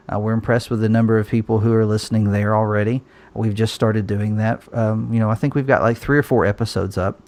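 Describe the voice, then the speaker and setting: A man's voice: mid-range voice, darkish tone. A man hosting a casual podcast, chatty and loose with frequent fillers. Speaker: podcast host.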